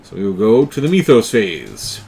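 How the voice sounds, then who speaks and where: A man hosting a board game play session, reading the game's text aloud with some drama and then talking through the rules in a relaxed, casual way. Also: on the low side, moderate pace, creaky, slight background noise. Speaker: host and player.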